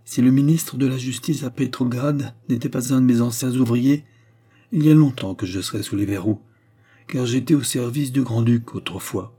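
Man reading as a worried guy urging folks to run, pressing tone, dark husky voice. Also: mid-range voice, normal speed, lightly acted. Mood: urgent. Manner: urgent, pressing. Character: anxious middle-aged male protector, urgent.

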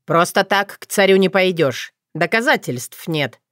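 A woman's voice: lowish voice, expressive, measured pace, fairly bright tone, no room sound, clean studio sound. A woman voicing a playful, bossy old witch grandmother who talks in a teasing, folksy way.

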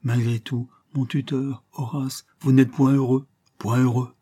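A man's voice: mid-range voice, normal speed, warm tone, slightly rough, lightly acted. A man reading an audiobook, voicing an earnest, emotional young married woman with a tremulous, pleading manner. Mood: reproachful.

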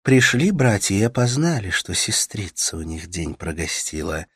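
A tender, lonely young woman who soothes and coaxes in a soft, lilting, sing-song way, as a male reader lifts his voice into her. The tone stays husky and close, with no room around it. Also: sits low, very animated, normal speed, dry recording, voice pushed up, exaggerated voice. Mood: storytelling. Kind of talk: audiobook character voice.

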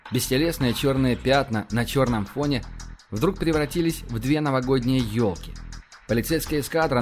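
A man reading an audiobook aloud as narrator. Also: mid-range voice. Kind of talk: scripted narration.

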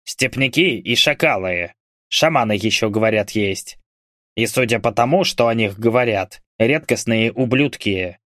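A man narrating an audiobook in a steady storytelling manner. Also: fairly low pitch, measured pace, dry recording, clean studio sound.

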